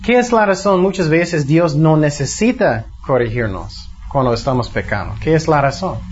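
Preacher man, fairly high voice, lo-fi. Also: lively intonation, moderate pace, soft background music. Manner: teaching in plain words, asks the congregation questions. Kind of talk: conversational sermon. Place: church service. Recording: dull lo-fi sound.

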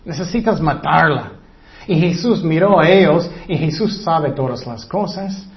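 A man preaching a sermon in an expressive way, acting out voices in his stories, with slightly non-native phrasing. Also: on the high side, unhurried. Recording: dull lo-fi sound.

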